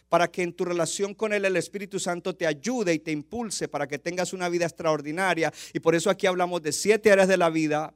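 A man preaching with fervor, his voice sitting a little higher than most men's. The sound is dry and close, with no room echo. He swings from loud, urgent calls to soft, intimate asides. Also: smooth. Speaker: pastor. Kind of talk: sermon.

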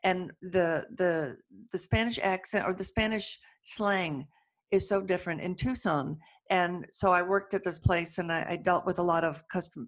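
A chatty woman in casual conversation, telling personal stories with eager enthusiasm. Her voice is fairly low and has a gravelly fry to it. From United States. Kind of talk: casual chat.

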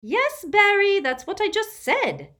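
A woman's voice: high voice, huge pitch swings, measured pace, voice pushed up, heavily acted. A woman doing a tipsy, testy old aunt. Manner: blunt and testy. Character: tipsy, tactless, gossiping old great-aunt.

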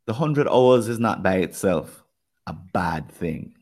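This podcast host is a Jamaican-accented man whose low, slightly mellow voice moves at a slow but animated pace. In a casual conversation, he talks things over earnestly and reflectively, turning now and then to address his listeners directly.

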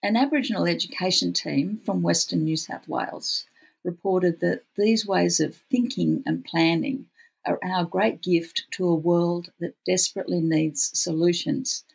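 An Australian speaker with a gravelly, husky voice who says w for r, talking reflectively as an interview guest. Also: mid-range voice, moderate pace, rough recording. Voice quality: cannot pronounce R's well, says w for r. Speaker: podcast guest, futurist researcher.

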